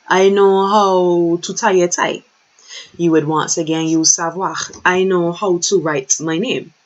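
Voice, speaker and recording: A woman teaching a French lesson online, speaking slowly and patiently and repeating words for learners. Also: fairly low pitch. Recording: slightly dull lo-fi recording.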